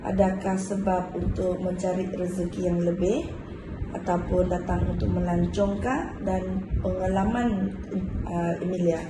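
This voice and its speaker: A woman's voice: lowish voice, fairly even intonation, music in the background. Hesitant young Malaysian woman interviewing. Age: young adult. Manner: halting, many fillers and restarts, clarifies questions. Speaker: student interviewer. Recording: echoey room with loud background noise.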